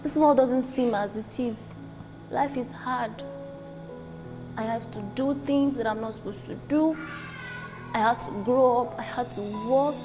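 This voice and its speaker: A woman's voice: fairly high pitch, unhurried, long pauses, natural voice. A woman in her twenties performing a monologue as a grieving daughter begging her absent father to speak to her. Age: 20s. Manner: soft, pleading, weary. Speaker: actor performing an audition monologue. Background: clear music.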